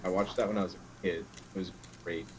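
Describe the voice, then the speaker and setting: A man's voice: low voice, fairly even intonation, a little fast, slight background noise. A man chatting casually on a gaming stream, rambling enthusiastically about old shows. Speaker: co-host friend. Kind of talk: casual chat while gaming.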